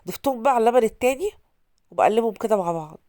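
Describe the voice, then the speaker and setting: Racing along with lively intonation, this high-voiced woman has a dark tone and a congested nose from a cold. She hosts a relaxed cooking vlog in an Egyptian Arabic accent, being from Alexandria, and chats repetitively to her audience. The recording is dry and studio-clean.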